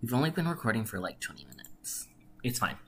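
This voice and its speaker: Speaking fast with big swings in pitch, this podcast co-host offers emphatic, slang-filled opinions in a casual chat. English isn't their first language; the medium-pitched voice has a fairly bright tone, and background noise is clearly audible.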